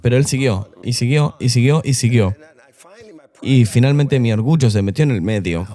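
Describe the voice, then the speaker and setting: A man's voice: mid-range voice, moderate pace, dark tone. A middle-aged man, a pastor, telling his personal testimony in an earnest, confessional way during an interview.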